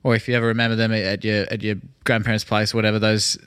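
A man's voice: fairly low pitch, flat delivery, rapid-fire, a bit bright, smooth, no echo, clean studio sound. An Australian man co-hosting a music podcast in a casual, conversational style. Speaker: podcast co-host.

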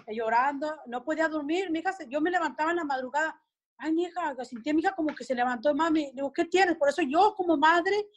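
A woman's voice: high voice, quick pace, few pauses. A middle-aged woman, a mother telling a radio interviewer in anguish about her missing daughter and acting out their conversations. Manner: anguished, recounts dialogue with quoted voices. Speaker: mother of a missing soldier, guest.

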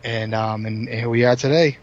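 A man's voice: medium pitch, expressive, normal speed. Man with a thick Boston accent, dull audio. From Massachusetts North Shore. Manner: friendly, enthusiastic, affirming. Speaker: podcast guest, card game player. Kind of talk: casual chat.

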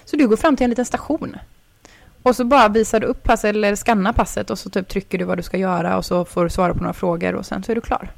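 A woman's voice: mid-range voice, steady tone, creaky. A young woman co-hosting a podcast, chatting expressively with many fillers, recorded remotely from home. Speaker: podcast co-host. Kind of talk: casual podcast chat. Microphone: home mic, remote recording.

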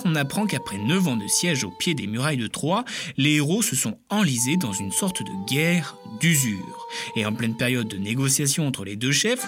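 A man narrating in a scripted comic voice at a middle pitch, and his voice swings widely up and down. He sounds mock-serious and playful, with sly asides where he pokes fun at himself.

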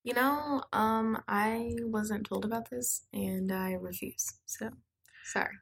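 A woman's voice: a little high, steady tone, slow pace, creaky, slight background noise. A woman co-hosting a podcast in casual, laid-back, slangy chat. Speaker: podcast co-host. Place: at home in an apartment.

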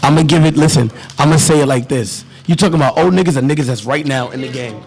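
A man's voice: mid-range voice, quick pace, gravelly, slight background noise. A man from Brooklyn with a New York accent, hosting a loose podcast chat and keeps saying "listen" to hold the floor. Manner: loud, insistent, repeats "listen" to hold the floor. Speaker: podcast host. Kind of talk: casual bar-table chat. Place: rented event space, indoors.

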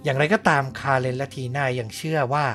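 A man's voice: steady tone, quick pace, a bit bright, soft background music. A man telling a true story in a casual podcast chat, acting out quoted lines now and then. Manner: conversational, uses polite particle khrap; acts out quotes with raised pitch.

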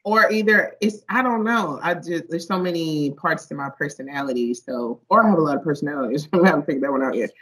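Slangy, laughing young woman, lower voice. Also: quick pace, hardly any pauses, low-quality recording. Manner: laughs often, slangy and animated. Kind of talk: casual chat.

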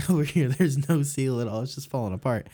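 A man's voice: medium pitch, moderate pace, warm tone. A man, co-hosting a casual chat and rambling through stories with fillers and laughs.

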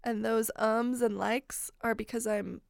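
High-pitched woman with uptalk. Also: flat delivery, unhurried, gravelly, clean tone, dry recording. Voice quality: uptalk, rising phrase endings. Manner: sassy in a smiley way. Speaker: podcast co-host. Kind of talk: casual chat.

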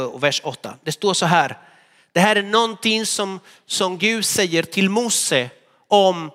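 In a sermon full of lively stories, this pastor's high, bright male voice occasionally takes on the characters he describes, and his words linger in a long church echo.

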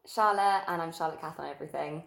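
A woman's voice: low-pitched, fast talker, gravelly, fairly bright tone. A woman co-hosting a podcast in casual, informal chat, loosely phrased. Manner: informal, hedging with "like" and "kind of". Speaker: podcast co-host. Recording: roomy echo.

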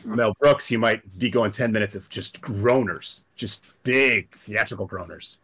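A man's voice: on the low side, measured pace, fairly bright tone. A man on a podcast panel, ranting bluntly and swearing in casual chat.

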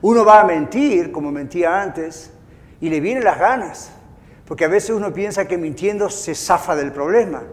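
A man pastor preaching a sermon in an animated way, acting out inner voices as he goes. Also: high-pitched, normal speed, big-room sound.

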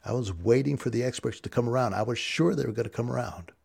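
A podcast host talks solo in a fast, mid-range voice that's gravelly, a little mellow and slightly rough. He's fired up and preachy, rallying listeners to call lines back to him.

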